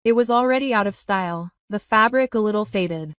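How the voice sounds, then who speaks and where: A woman reading a first-person story in a steady, even narrating voice. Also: medium pitch, fairly quick, smooth, no echo, clean studio sound, recorded from a distance.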